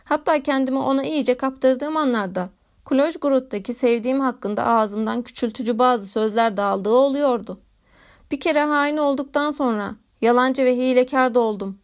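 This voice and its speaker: Woman narrator, audiobook of a classic novel, measured literary reading, high voice. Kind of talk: scripted narration.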